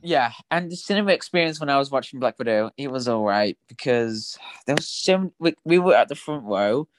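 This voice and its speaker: A man's voice: medium pitch, lively intonation, brisk. A young man, co-hosting a film podcast and telling stories in a chatty way with lots of filler words. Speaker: podcast co-host. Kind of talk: casual chat.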